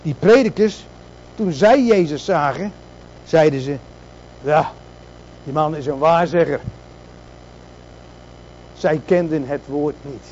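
A man's voice: a little high, a little mellow, lo-fi sound, slight background noise. A man preaching a sermon, asking rhetorical questions and repeating words for emphasis.

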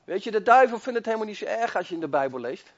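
A man's voice: sits high, animated, rapid-fire, lo-fi sound. A man preaching a sermon with fervent, repetitive exhortation and rising emphasis.

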